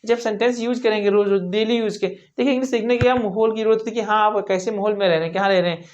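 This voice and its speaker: Woman teacher, patient drilling voice, mid-pitched, slightly dull lo-fi recording. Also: steady tone, darkish tone. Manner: repeats each phrase slowly, asks "what will you say?"; encouraging, tells learners not to feel shy. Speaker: English teacher. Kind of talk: spoken English lesson.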